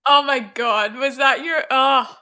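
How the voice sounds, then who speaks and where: Aussie woman on a podcast, high bright voice, bouncy and teasing. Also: slow, clean tone. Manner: lively, teasing, laughs easily. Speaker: podcast co-host. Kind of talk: casual chat.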